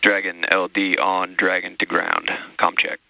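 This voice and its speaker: A man's voice: sits low, little pitch movement, unhurried, creaky. A man speaking as a launch director on astronaut radio, in procedural but collegial comm checks. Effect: radio transmission. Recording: tinny narrow-band radio link.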